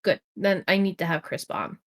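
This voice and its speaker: Chatty girl gamer, lively up and down voice, practical. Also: fairly low pitch, moderate pace. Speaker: co-streamer. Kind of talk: casual chat while playing a game.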